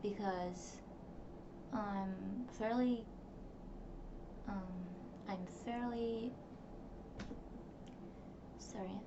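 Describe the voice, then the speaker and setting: Very slow and full of long pauses, her medium-pitched voice stays steady as a young woman, Russian her first language, rambles through a casual diary vlog with plenty of fillers. The home recording sounds distant, dull and noisy.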